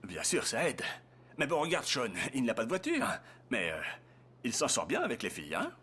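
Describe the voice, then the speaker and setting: Awkward, hesitant dad, lively pitch. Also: male voice, moderate pace, husky, heavily acted. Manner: hesitant, fumbling. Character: awkward, well-meaning dad giving advice. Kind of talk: French-dubbed film dialogue. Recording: faint background noise.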